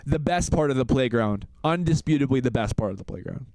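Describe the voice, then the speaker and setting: A young man co-hosting a podcast, telling animated stories in casual chat and laughing often. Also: medium pitch, fairly quick, no room sound. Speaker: podcast co-host.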